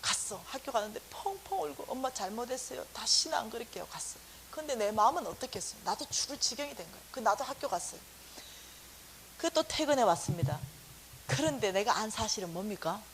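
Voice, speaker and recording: A middle-aged woman tells her story as a church testimony, her voice sitting high and leaping all over the place. She delivers it like a sermon, with vivid, theatrical swings between loud outbursts and quiet, hushed lines. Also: brisk, a little hiss or hum. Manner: animated storytelling, acting out quoted voices with sudden loud bursts and soft drops. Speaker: church speaker giving testimony.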